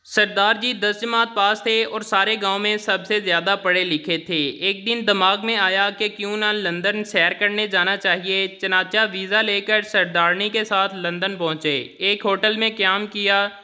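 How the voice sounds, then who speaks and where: A man's voice: high voice, fairly even intonation, measured pace, hardly any pauses, sharp tone. A man telling a run of short jokes, dropping his voice for quoted lines. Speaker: joke narrator.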